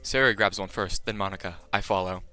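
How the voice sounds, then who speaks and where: A man's voice: sits low, fairly quick, clear, resonant tone, faint music behind. A young man reading a visual novel aloud on a live stream, joking with his chat between lines. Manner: animated, jokey, chatting to viewers between lines.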